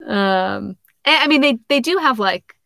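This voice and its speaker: Chatty young woman, gravelly edge. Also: a little high, lively intonation, unhurried, pushed and bright, dry recording, studio quality. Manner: chatty, many "like" fillers, laughs often. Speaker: podcast co-host. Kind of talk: casual book discussion.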